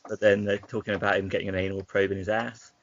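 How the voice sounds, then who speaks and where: A man's voice: fairly low pitch, flat delivery, quick pace. Rambling man on a lo-fi podcast. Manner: rambling recaps with restarts, quietens often. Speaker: podcast co-host. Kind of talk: casual chat. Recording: dull lo-fi with faint noise.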